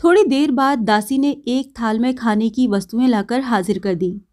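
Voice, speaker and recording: A woman narrating a story in a measured, unhurried reading. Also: a little high, darkish tone.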